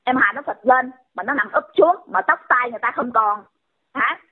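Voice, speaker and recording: A woman's voice: fairly high pitch, lively intonation, normal speed, husky. A woman, scolding someone in a heated rant and firing off repeated insulting questions. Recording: tinny phone-line audio.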